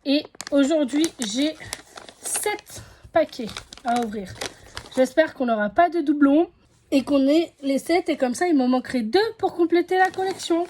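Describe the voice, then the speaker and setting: French woman vlogging an unboxing, high soft voice, takes her time, faint packet crinkle behind. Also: unhurried, slight background noise. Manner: chatty, guessing aloud. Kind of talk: casual unboxing chat.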